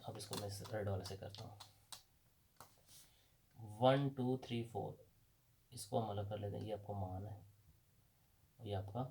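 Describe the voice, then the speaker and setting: A man's voice: lowish voice, darkish tone. A man with a Pakistani Urdu accent teaching a language lesson at a board, patiently asking questions and answering them himself.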